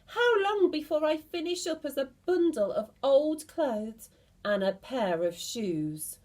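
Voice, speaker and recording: A woman voicing a frantic, terrified old wife who cries out in shrill panic. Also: big pitch swings, slow pace, darkish tone, heavily acted. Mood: frightened pleading.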